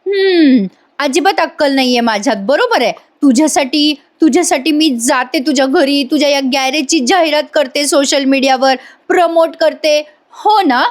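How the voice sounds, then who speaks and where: A woman's voice: high voice, moderate pace, pitched above the performer's own voice, close to an everyday voice. A woman voicing a brash, jealous young woman who taunts and bosses a young mechanic. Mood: taunting. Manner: taunting, teasing and bossy.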